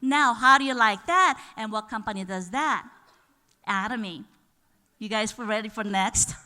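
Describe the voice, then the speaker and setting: A woman's voice: a little high, unhurried. A woman giving an enthusiastic live presentation at a sales seminar, often putting questions to the audience. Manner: enthusiastic, rising to excited bursts; chatty, asks the room questions. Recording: reverberant hall.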